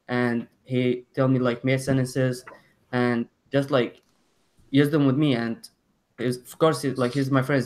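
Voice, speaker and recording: Teen guy from syria, arabic first language, monotone, lots of "like" and restarts. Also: mid-range voice. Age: teens. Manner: halting, many "like" fillers, self-corrections. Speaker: student panelist. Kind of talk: telling his story on a panel.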